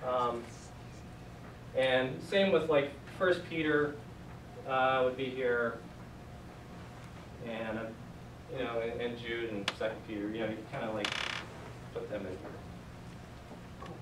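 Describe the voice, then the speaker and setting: A young man gives a casual, conversational Greek class lecture full of fillers, his mid-range voice fairly even in intonation. He speaks slowly with long pauses. The far camera in the church meeting room leaves the recording echoey, distant and noisy.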